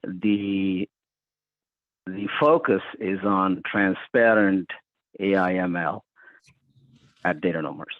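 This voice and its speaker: A man introducing himself on a panel over a video call whose audio cuts in and out, so his volume keeps dropping, and he speaks haltingly with pauses and fillers. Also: low voice, dry recording, narrow, tinny audio. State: audio cutting in and out, uneven volume. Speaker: panelist, company founder. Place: Chicago.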